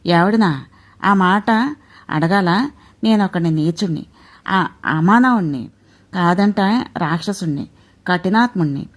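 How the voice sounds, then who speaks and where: A woman's voice: on the low side, animated, a little slow, long pauses. A despairing, righteous king cries out in anguish and reproaches himself in a mythic tale, put on by a woman storyteller. The lines come raised and pained.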